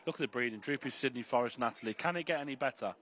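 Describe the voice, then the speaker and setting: Male greyhound racing pundit, bright forceful voice, chatty and enthusiastic, likes repeating himself for emphasis. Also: mid-range voice, very fast. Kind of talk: live sports analysis, chatty banter.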